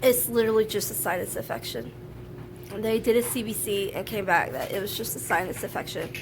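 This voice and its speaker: A vlogger talks frankly and chattily to camera at home about her views while laundry runs, and her voice sounds nasal from a sinus infection. Her pitch is medium, she speaks a little fast, and the background is noisy.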